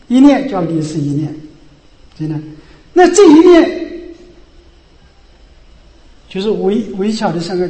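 A man preaches Buddhist doctrine in a very high, lively voice that swoops up and down. His tone is soft and dark, and he keeps repeating rhetorical questions before dropping into quiet asides. The sound rings through a roomy hall with a long echo. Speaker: Buddhist teacher. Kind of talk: sermon. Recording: echoey hall.

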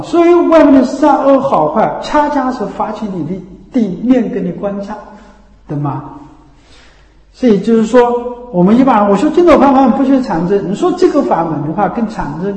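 A man's voice: high-pitched, dark tone, dull audio. Male Buddhist teacher in echoey hall. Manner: explanatory, often checks listeners with "知道吧". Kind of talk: dharma talk. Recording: echoey hall with long reverb.

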